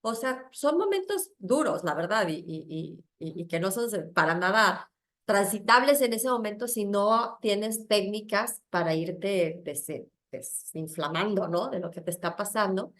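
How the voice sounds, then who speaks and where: Middle-aged woman, candid guest storyteller, animated when quoting herself. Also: medium pitch, unhurried. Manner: expressive, acts out her own past words. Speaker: guest speaker.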